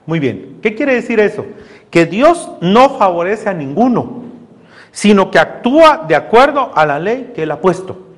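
A male pastor preaching a lively sermon with humor, talking to the congregation, asking them questions and acting out voices. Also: high voice, a little slow. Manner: animated, acts out voices of God and church members; conversational, asks the congregation questions.

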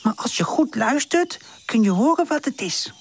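A woman's voice: fairly high pitch, big pitch swings, moderate pace, slight background noise, pitched above the performer's own voice. A woman voicing a drowsy, self-assured female cat in a children's storybook. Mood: knowing. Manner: drowsy and knowing.

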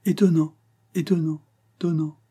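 A polite, eager peasant boy from a storybook, put on by a man, pitched well above a deep voice. He answers respectfully and agreeably, with a husky grain underneath. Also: expressive, brisk, mellow. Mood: echoing, fading. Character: shrewd, obliging young peasant boy.

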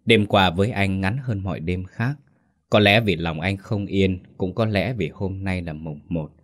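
A man narrating a story slowly and gently, in a somber tone. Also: deep voice. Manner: slow, gentle, somber reading.

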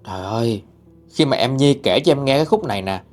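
A man with a Southern Vietnamese accent narrates ghost stories in a chatty, colloquial way. His mid-pitched voice rises and falls a lot, and faint music plays underneath. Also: expressive, fast talker. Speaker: storyteller reading listener-sent ghost stories. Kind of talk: spoken ghost story narration.

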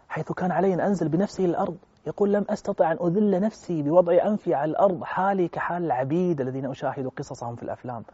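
A male preacher telling a religious story to his listeners with fervour, his voice swelling louder at the emotional peaks, on a dull lo-fi recording. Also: mid-range voice, slightly rough. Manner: fervent, swelling loud at emotional peaks, addresses listeners directly.

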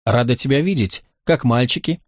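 A male narrator lends his voice to a warm, talkative young mother in a storybook reading. She chats on with a gently worried tone, pitched a touch above the reader's own voice. The recording is dry and close. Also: moderate pace, no echo, close to an everyday voice. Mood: chatty. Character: kind warm mother, woman in her thirties.

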